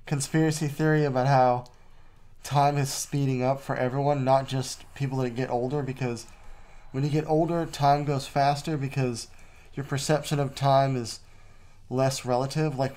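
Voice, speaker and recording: A man's voice: mid-range voice, warm tone. A man recorded too close to the mic, hosting a casual vlog voice-over in a rambling, jokey way. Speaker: vlog host.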